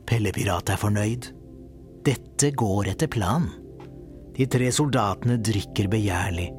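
A man narrating a children's audiobook in a lively storytelling manner. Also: fairly low pitch, soft background music. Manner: lively storyteller, voices all the characters.

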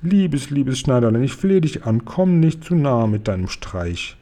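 A man's voice: medium pitch, very animated, unhurried, mellow. A man reading a storybook aloud, voicing a huge child-eating giant who shrieks, gurgles and begs in a nightmare. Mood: pleading.

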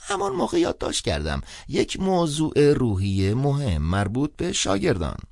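A man voicing a grumpy, suspicious old man on the phone, with a husky voice, in an audiobook. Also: no room sound, clean studio sound. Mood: excited. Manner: gruff, mumbling, then shrill and excited. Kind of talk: audiobook character voice.

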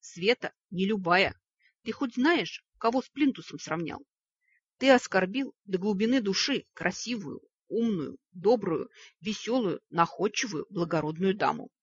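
A woman's voice: mid-range voice, animated, a little slow, husky, no echo. A woman reading a sarcastic young lord. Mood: scornful. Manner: sarcastic and mocking. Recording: dull lo-fi recording.

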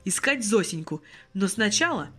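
A woman voicing a furious, desperate young man who shouts and breaks down, in an audiobook reading. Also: mid-range voice, very animated, moderate pace, husky. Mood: cold insistent.

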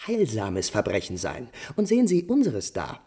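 The same kind of role: a quick-tempered, anxious, imperious prince voiced by a male actor in a classical German radio play, firing off abrupt questions and orders with theatrical flair. His pitch is mid-range but swoops wildly, and his dark tone is slightly rough. The mood is scheming and uneasy.

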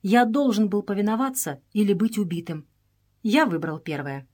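A woman's voice: mid-range voice, normal speed, darkish tone, natural voice. A woman voicing a wounded boy servant who speaks weakly and earnestly, pleading and warning, in a read-aloud story.

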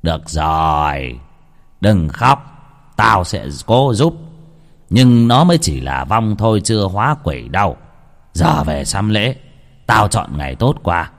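A man voicing an old village shaman who gives stern, gruff orders slowly. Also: lowish voice, big pitch swings, exaggerated voice. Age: older. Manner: slow, stern, gruff commands. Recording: long reverb.

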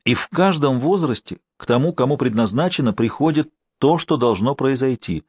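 A man voicing a wise old mentor who speaks slow, solemn sayings in an audiobook. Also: mid-range voice, lively intonation, darkish tone, husky, no room sound.

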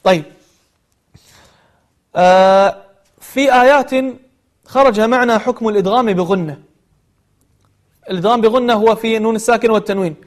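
High-voiced man teaching recitation patiently. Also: a little fast, long pauses. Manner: gentle, patient explanation that repeats examples. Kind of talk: online recitation lesson.

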